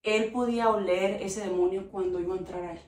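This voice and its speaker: A woman's voice: mid-range voice, steady tone, brisk, darkish tone. A woman giving a heartfelt personal testimony in an interview, talking earnestly and often turning to the listener. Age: adult. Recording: roomy echo, mic at a distance, faint background hiss.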